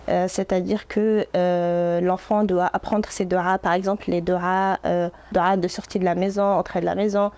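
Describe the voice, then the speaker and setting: With a medium-pitched voice captured in a dry recording, this Arabic-speaking Moroccan woman in her thirties responds to an interview as an Arabic teacher. Her manner is gentle, earnest, and measured.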